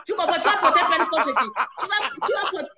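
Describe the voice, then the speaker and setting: A woman's voice: very high-pitched, lively intonation, fairly quick, highs cut off, very noisy. A woman from Gabon, hosting a live stream and scolding her audience with rhetorical questions. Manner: indignant, scolding, repeats herself with rhetorical questions. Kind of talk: heated live-stream rant.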